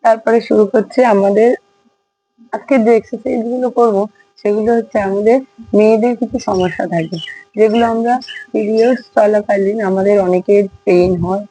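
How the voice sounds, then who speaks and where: A hoarse woman teaching yoga, who counts the repetitions aloud while she demonstrates. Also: mid-range voice, steady tone, a little fast, warm tone, no echo, soft background music, rough recording. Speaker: yoga instructor. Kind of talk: casual yoga class instruction.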